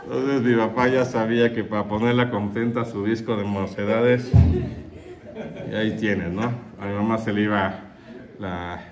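Conversational priest preaching with humor. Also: male voice, fairly low pitch, fairly even intonation, normal speed, a crowd in the background. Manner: conversational, humorous, asks the audience questions. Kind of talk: sermon with anecdotes.

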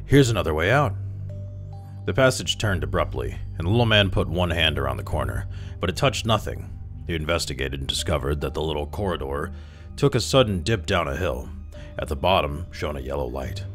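A man calmly reading a classic short story aloud as narrator. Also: very deep voice, fairly quick, faint music behind. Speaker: story reader.

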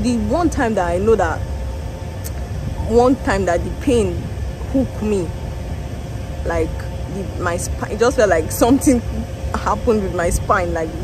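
Tired after her factory shift, a young woman with a mid-range voice vlogs about her day, holding her phone at arm's length in a parking lot beside the factory building. She tells it in an animated, casual way with laughs and exclamations. Traffic noise comes through the outdoor phone recording.

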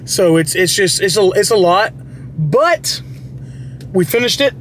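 A young Texan man talking casually to his viewers in a tired, rambling way. His voice sits high for a man, with faint noise behind it. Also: lively intonation, unhurried. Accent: Texas. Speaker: vlogger. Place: indoors, hospital area.

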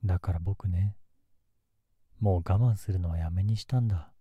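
ASMR role-play casting: male actor as possessive young lover, low and very mellow, soft but menacing, close and dry. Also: steady tone, normal speed, husky, dry recording, highs cut off. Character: lovesick possessive young man, soft-spoken, turning menacing. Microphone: close ASMR microphone in a dry space.

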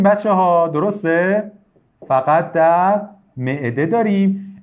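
Guy teaching a live online class, kinda high voice, keeps quizzing the kids and saying well done. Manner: lively, asks students questions, bursts of praise. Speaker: biology teacher.

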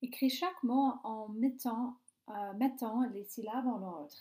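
A woman teacher reading phonics exercises aloud, saying each word slowly and repeating it three times, sounding words out syllable by syllable. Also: a little high, dark tone.

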